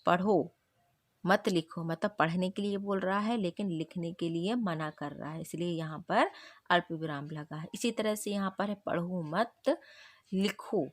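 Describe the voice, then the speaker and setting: Woman, teacher, grammar revision lesson, asks and answers her own questions, lowish voice, dry sound. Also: moderate pace, no echo.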